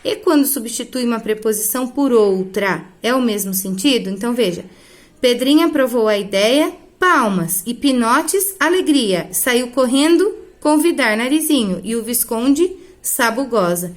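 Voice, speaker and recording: A woman's voice: fairly high pitch, expressive. Woman teacher explaining grammar. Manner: explains slowly, checks in with "tá?" and "né?"; writes on a board while talking. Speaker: schoolteacher. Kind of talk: recorded online grammar lesson.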